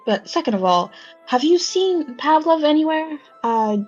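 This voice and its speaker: A woman voicing a polite, civilized gentleman character, courteous and admiring, on a slightly dull lo-fi mic. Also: high-pitched, animated, unhurried, faint music behind, pitched above the performer's own voice.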